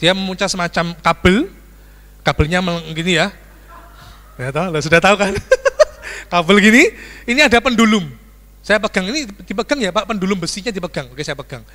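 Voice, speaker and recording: A man's voice: sits high, brisk. A man preaching a storytelling sermon as a pastor, acting out screams and dialogue for his congregation. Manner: animated, acts out screams and dialogue, addresses congregation as "saudaraku". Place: church sanctuary. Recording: church hall reverb.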